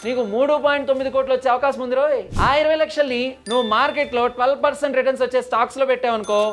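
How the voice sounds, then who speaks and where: A woman's voice: high-pitched, steady tone, very fast, close to an everyday voice. A woman playing a scolding guru who lectures a disciple on money in a comic ad skit. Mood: lecturing. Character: scolding know-it-all guru giving money advice. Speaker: guru giving finance tips. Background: music.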